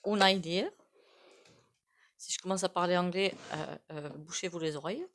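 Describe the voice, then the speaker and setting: A woman's voice: on the low side, normal speed, fairly bright tone. A woman doing a casual tarot reading, chatty and full of asides to her viewers. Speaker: tarot reader.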